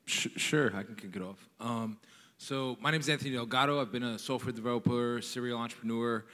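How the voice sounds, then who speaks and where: On a conference panel, a New York man who founded a nonprofit tells his story earnestly and energetically. His medium-pitched voice is fairly quick and sharp, with fairly even intonation. A long reverb from the large conference hall hangs on the recording.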